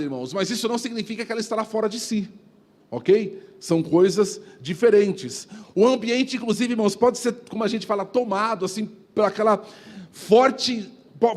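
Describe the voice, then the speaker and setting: A pastor preaching a sermon in a teaching tone, often addressing his listeners as brothers and asking "ok?". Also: high-pitched.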